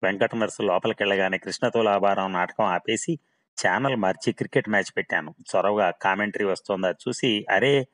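A man narrating a humorous story in a wry, steady reading voice. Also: lowish voice, fairly quick.

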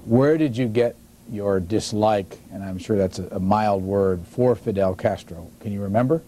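A male TV host asking measured questions of a guest in a studio interview. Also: on the low side, mellow, slight background noise.

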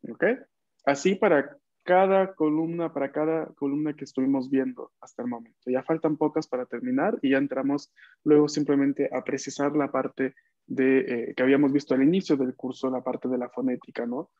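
A man's voice: medium pitch, fairly even intonation, normal speed, no room sound, muffled recording. A man teaching a Japanese class online, patiently counting out strokes as he writes.

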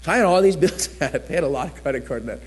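A man's voice: on the high side, expressive, very fast. A man from New Jersey preaching a sermon as a chatty personal story, acting out the people he quotes.

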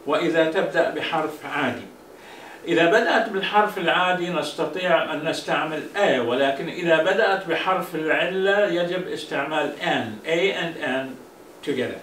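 A male teacher with a fairly high voice repeats each English phrase slowly and carefully. He then switches to quicker explanations full of hesitant fillers. The recording sounds roomy, and he is heard from some distance over a faint background hum. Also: fairly bright tone. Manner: hesitant, with drawn-out fillers and restarts. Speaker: language teacher. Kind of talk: bilingual grammar lesson.

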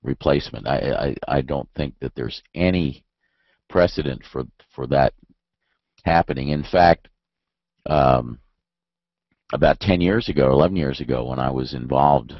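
A man presenting a webinar on aircraft maintenance, his voice raspy from a bad cold, speaking hesitantly with many restarts. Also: rumbling low, a little slow, pauses often, dry recording, highs cut off. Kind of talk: webinar answer, explaining.

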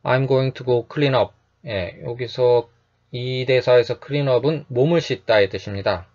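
A man teaching English phrases in a calm, explanatory lecture, repeating each phrase slowly and often adding a short "yes". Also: medium pitch, muffled recording.

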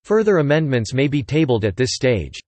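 A computer-generated man reads an encyclopedia article aloud at an even, steady clip. His voice sits at a middling pitch and the sound is bone-dry, with no room around it. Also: a little fast, no room sound. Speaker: text-to-speech reader. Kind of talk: synthetic article narration.

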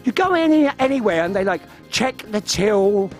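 A man's voice: high-pitched, sing-song, normal speed, soft background music. A man in his fifties with a London accent, chatting casually and telling anecdotes as a radio guest in a studio. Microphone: studio microphone, headphones on.

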